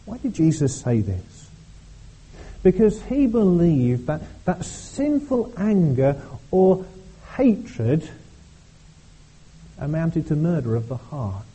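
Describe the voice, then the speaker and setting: A male preacher delivers a church sermon in an earnest, halting way, often doubling his words. His voice is dark and mellow, with a husky edge. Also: on the high side, very animated, rough recording. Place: church service.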